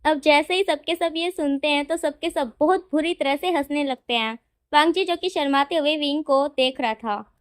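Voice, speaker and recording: High-voiced woman telling a story. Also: no room sound, studio quality. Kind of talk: storytelling narration of fan fiction.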